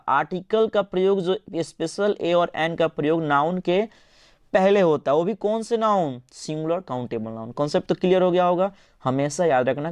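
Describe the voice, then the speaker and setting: A man teaching an English grammar lesson in Hindi, quizzing his students and answering his own questions in a coaxing, lively way. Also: on the high side, clear, resonant tone, no room sound, studio quality. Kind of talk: online exam-prep lesson.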